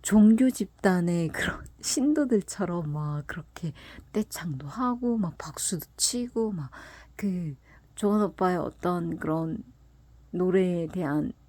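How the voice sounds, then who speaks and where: A woman telling a personal story in a casual, soft, half-whispered way, often breaking into laughs. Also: on the low side, lively intonation, slow pace, no echo. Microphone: close mic, voice only.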